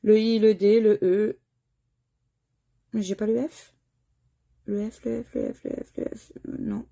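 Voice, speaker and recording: Scratching lottery tickets for her channel, a French woman keeps up casual commentary and reads out letters one by one. She speaks in a mellow mid-range voice with vocal fry, fairly even intonation and a measured pace.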